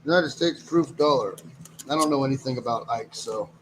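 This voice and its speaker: Against a noisy background, a man with a mid-range voice speaks at normal speed while running a silver auction live stream. He talks casually and rambles, welcoming viewers and working through the items.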